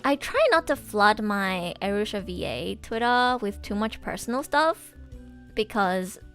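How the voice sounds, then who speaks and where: A young woman livestreamer talks in a chatty, bubbly way full of anime-fan slang, at an average pitch for a woman. She is recovering from oral surgery and has stitches in her mouth. Music plays behind her voice. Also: animated, a little slow, a bit bright. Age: young adult. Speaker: livestreamer and voice actor. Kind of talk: casual livestream chat with viewers.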